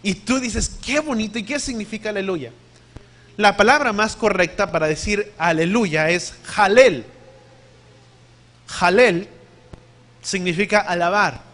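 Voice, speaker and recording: Man, preacher, high-pitched, emphatic teaching sermon, spells out words. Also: moderate pace, fairly bright tone.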